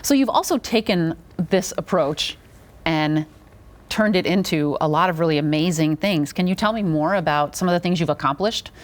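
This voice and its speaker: A woman with a very low voice hosts an interview. She reflects in a thoughtful, affirming way and encourages her guest with steady murmurs of agreement. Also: normal speed. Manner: warm, affirming, reflective, frequent mm-hmms. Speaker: interviewer, therapist and teacher. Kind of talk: interview conversation.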